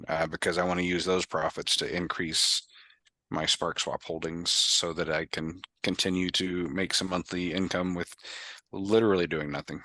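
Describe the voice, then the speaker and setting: A man's voice: low-pitched, bright, forceful tone, no echo. A man hosting a casual group video call, talking in a rambling way with many fillers and restarts. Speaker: host.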